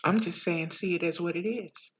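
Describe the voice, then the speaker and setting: A woman's voice: on the low side, normal speed, husky. A woman giving a reflective spiritual monologue as a teacher, in a preaching manner.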